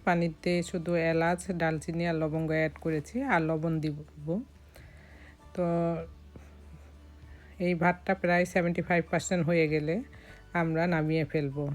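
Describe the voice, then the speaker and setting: A hoarse woman from Bangladesh gives calm step-by-step recipe narration as a cooking vlogger. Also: low voice.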